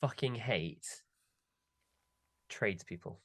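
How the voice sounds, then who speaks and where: A man's voice: fairly low pitch, lively intonation, slow, a bit bright, faint music behind. A young man on a casual podcast, complaining in an exasperated rant. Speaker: podcast co-host. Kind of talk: casual chat.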